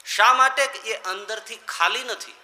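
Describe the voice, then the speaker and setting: Male monk preacher, bright forceful tone, fairly high voice, echoey hall. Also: unhurried. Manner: rhetorical, swinging between loud emphatic lines and quiet low ones. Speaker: monk giving a scripture discourse. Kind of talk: sermon.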